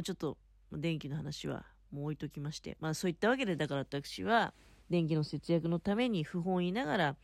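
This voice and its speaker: A woman's voice: low voice, darkish tone, dry recording, clean studio sound. A woman chatting casually on her own as a podcast host, talking in a chatty, polite, explanatory way from under the covers in bed. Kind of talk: casual solo chat. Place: in bed under a futon at home.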